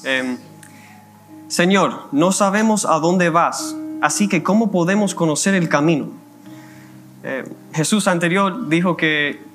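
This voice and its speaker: A man with a Cuban Spanish accent giving a conversational sermon as a minister, slowing down to read scripture aloud. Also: on the high side, a bit bright. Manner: conversational preaching, slows down reading scripture. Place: church.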